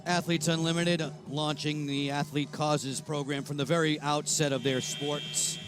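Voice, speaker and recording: A man doing play-by-play commentary for a live lacrosse broadcast, with a steady, informative delivery. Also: on the high side, moderate pace, music in the background, low-quality recording.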